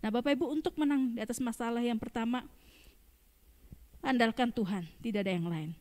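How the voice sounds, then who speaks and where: High-voiced woman pastor preaching. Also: fairly quick, darkish tone. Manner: conversational preaching, often asks the congregation questions. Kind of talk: sermon. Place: church hall. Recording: long church hall reverb.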